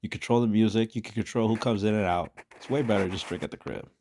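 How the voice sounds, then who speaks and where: A man co-hosting a casual reaction chat, laid-back and slangy, quick to laugh. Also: on the low side, a little mellow, slight background noise. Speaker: co-host reacting to clips.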